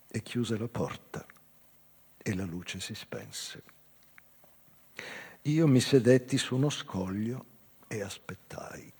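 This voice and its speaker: With live plucked guitar echoing through a reverberant hall, an actor gives a dramatic first-person reading of a literary monologue as a wistful, intense man recalling a past love. He speaks slowly and deliberately in a medium-pitched, darkish, husky voice, pausing often and at times dropping almost to a whisper.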